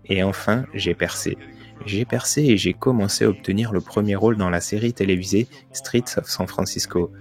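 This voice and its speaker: A man's voice: lowish voice, normal speed, soft background music. A man giving a dubbed first-person motivational talk, telling his story earnestly with emphatic turns. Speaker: voice-over narrator of a motivational speech.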